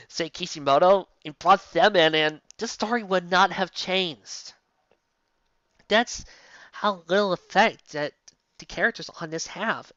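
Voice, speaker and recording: This woman's voice sits on the low side with a slightly bright edge, recorded lo-fi with no room sound. She offers casual, unscripted commentary on fan fiction, sounding incredulous and exasperated. She often stops to rephrase and poses rhetorical questions.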